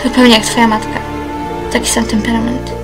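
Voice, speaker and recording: A woman's voice: on the high side, little pitch movement, a little fast, natural voice. A woman reading as a pushy old male Doge. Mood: pressing. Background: background music.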